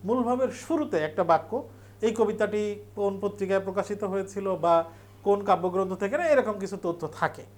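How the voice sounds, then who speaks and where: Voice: medium pitch, fast. A teacher giving an exam revision lecture, explaining step by step and repeating key points for emphasis.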